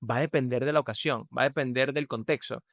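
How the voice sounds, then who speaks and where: A man's voice: steady tone, quick pace, creaky, no echo, studio quality. A Venezuelan man with a Venezuelan accent, a podcast guest explaining communication emphatically and shifting his tone to demonstrate. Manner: emphatic, varies his pitch and loudness to demonstrate. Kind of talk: conversational explanation.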